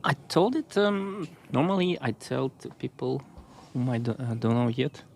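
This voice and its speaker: Male guest from Russia, hesitant and careful, mid-pitched, faint outdoor noise. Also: animated, vocal fry, a little mellow. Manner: halting, searching for words with many pauses. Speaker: podcast guest. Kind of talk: casual conversation. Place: outdoors on a walking trail.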